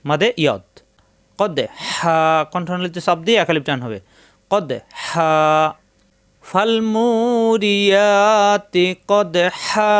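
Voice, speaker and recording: A man with a Bangladeshi Bengali accent and a fairly high voice teaches Quran spelling and pronunciation step by step, slowly and patiently. He chants Arabic words in a slow, drawn-out way between plain explanations, methodically repeating each syllable. The sound is studio quality, with no room sound.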